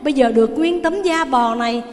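A woman with a Southern Vietnamese accent voicing a calm, wise old male spiritual master who speaks gently and slowly, in a long reverberant hall. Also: high voice, lightly acted. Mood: reassuring.

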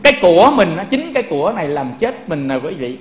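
High-voiced man preaching. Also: sing-song, fast, slight background noise. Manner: rhetorical questions to the audience. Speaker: Buddhist preacher. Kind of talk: sermon. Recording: echoey room.

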